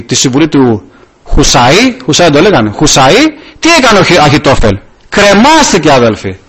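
Animated husky man preaching. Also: a little high. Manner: animated storytelling, acting out dialogue. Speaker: deacon preaching. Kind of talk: informal sermon with personal stories.

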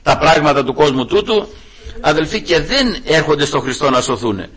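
A man's voice: a little high, very animated, a bit bright, breathy edge. A male preacher delivering an emphatic sermon, often turning to address the brethren directly.

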